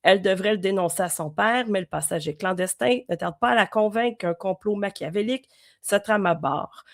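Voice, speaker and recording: A woman's voice: mid-range voice, a little fast. A woman with a Québécois French accent co-hosting a podcast, chatting with short replies and reading a summary aloud with care. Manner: brief agreeing replies, careful reading. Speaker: podcast co-host. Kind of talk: casual chat and reading aloud.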